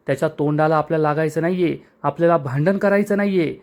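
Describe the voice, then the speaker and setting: A man voicing a calm elder brother who pleads with his sibling to stay out of a fight, in a spoken recap of a TV serial. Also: on the high side, fast, close to an everyday voice. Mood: pleading. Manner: soothing, pleading.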